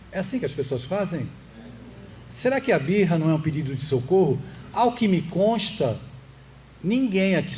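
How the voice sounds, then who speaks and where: A Brazilian-accented man gives a public lecture in a spiritist center's hall. His voice sits a little high for a man. He keeps the talk conversational, poses rhetorical questions to listeners, and adds jokes now and then, with faint room noise underneath. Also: darkish tone. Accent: Brazilian Portuguese. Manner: conversational, asks the audience rhetorical questions, jokes to lighten a heavy subject. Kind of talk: public lecture to a live audience.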